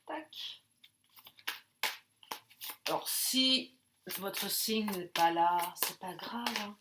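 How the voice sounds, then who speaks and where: Slow-talking chatty French card reader woman. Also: mid-range voice, background noise. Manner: chatty, jokey, thinks aloud with many fillers. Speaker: tarot and oracle card reader. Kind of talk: casual card-reading video.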